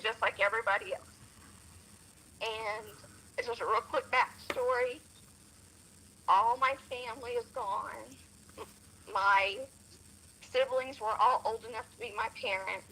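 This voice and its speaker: A woman's voice: fairly high pitch, steady tone, measured pace, long pauses, sharp tone, slight background noise, rough recording. A woman calling in over a phone speaker, talking earnestly and apologetically while trying not to cry. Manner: earnest, apologetic, holding back tears. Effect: heard over a phone speaker. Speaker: caller on a live stream. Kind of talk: emotional personal testimony.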